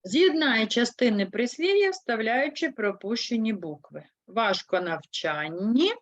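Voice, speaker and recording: Female grade-school teacher, very slow and deliberate delivery, dull dry lo-fi recording. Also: a little high, animated, no echo. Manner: slow, spelling words out syllable by syllable; patient, explaining step by step. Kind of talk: third-grade language lesson.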